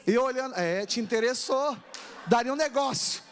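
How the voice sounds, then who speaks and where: A man with a Brazilian Portuguese accent, a pastor telling stories in an animated, jokey Pentecostal revival sermon. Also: extremely high pitch, normal speed. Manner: animated storytelling, jokey asides, exclamatory. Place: large church hall. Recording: reverberant church hall.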